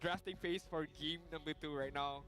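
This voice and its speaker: A man's voice: fairly high pitch, fairly even intonation, moderate pace, over music. Analytical male esports caster. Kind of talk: esports draft commentary.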